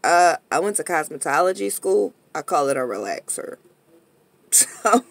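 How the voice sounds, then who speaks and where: An American woman with a husky, gravelly voice, rambling drunkenly and bluntly in a casual rant to her viewers, with some swearing. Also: on the low side, sing-song, a little slow, no room sound. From Pennsylvania, United States. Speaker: vlogger.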